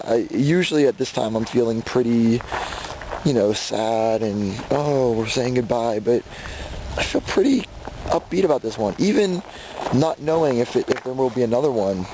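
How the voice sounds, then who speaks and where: A hoarse man talks straight into a handheld camera in a loose, excited vlog, cursing casually. His voice sits at an ordinary middle pitch. Clear background noise runs under the noisy handheld recording. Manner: excited, swears freely. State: hoarse from screaming. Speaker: vlogger.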